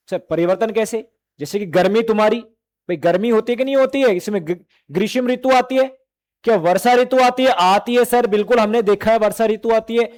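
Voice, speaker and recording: A man with a very high voice is teaching a class of exam students. He asks a question and then answers it himself, and he keeps calling the students beta and bhai.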